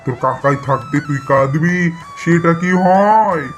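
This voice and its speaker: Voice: medium pitch, measured pace, over loud music, natural voice. A performer voicing a doting uncle who cheerfully coaxes his niece in a cartoon. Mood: coaxing. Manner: cheerful, coaxing.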